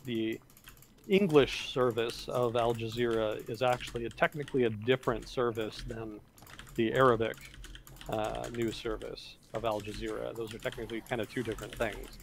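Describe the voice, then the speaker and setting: A man co-hosting a casual livestream, explaining world affairs in a measured way with fillers and self-corrections. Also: mid-range voice, slight background noise. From United States.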